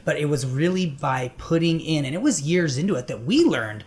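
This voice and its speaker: A man's voice: on the high side, big pitch swings, moderate pace, a little mellow. Upbeat middle-aged male podcast host. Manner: upbeat, affirming, laughs easily. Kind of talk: casual interview talk.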